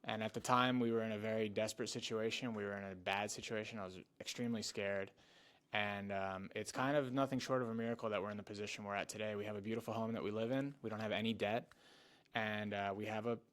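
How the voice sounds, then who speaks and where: A painting company owner giving an emotional, halting video testimonial, with restarts and fillers. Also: male voice, on the low side, steady tone, fairly bright tone.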